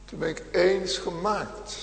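Slow gravelly preacher in echoing church. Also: male voice, high-pitched, fairly even intonation. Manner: slow, swelling preaching cadence with repeated phrases. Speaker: pastor. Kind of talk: sermon. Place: large church hall. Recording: echoey church, long reverb.

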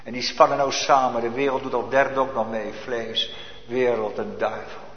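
A man preaching a sermon, swinging between loud emphatic cries and hushed low asides. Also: little pitch movement, normal speed. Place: church. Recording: echoey lo-fi church hall recording.

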